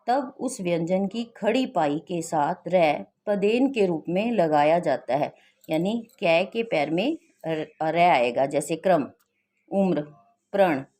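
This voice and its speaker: A woman teacher giving a recorded grammar lesson for children, slowly reading out example words one at a time. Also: fairly low pitch, warm tone. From India. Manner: slow, deliberate, reads out example words one by one. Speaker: school teacher.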